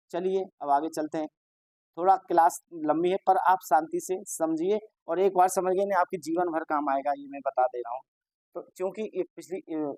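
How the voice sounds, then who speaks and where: A man's voice: on the high side, darkish tone, dry recording. A male teacher giving an exam-prep lesson, patiently explaining, repeating reminders and asking and answering his own questions.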